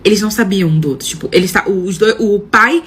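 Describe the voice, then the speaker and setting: A woman's voice: mid-range voice, quick pace, fairly bright tone, slight background noise. A young woman telling a personal story casually, acting out quoted dialogue with dramatic flair and often tossing in filler phrases. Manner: frequent filler "não sei o quê".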